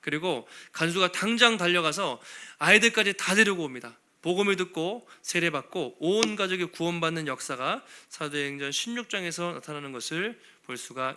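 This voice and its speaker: Bright, animated male pastor preaching. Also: sits high. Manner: animated, acts out biblical speakers' cries; frequent light laughs between phrases. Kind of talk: Sunday sermon. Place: church sanctuary.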